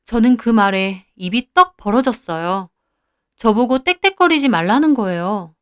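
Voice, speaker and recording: A woman's voice: a little high, animated, normal speed, smooth, dry recording, studio quality. A young woman narrating a first-person story in a confiding, conversational way.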